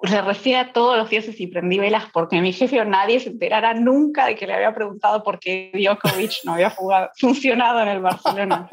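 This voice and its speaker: A woman guest telling a lively anecdote in a podcast interview, acting out the dialogue and laughing often. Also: medium pitch, highs cut off. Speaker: guest, business executive. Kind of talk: conversational anecdote.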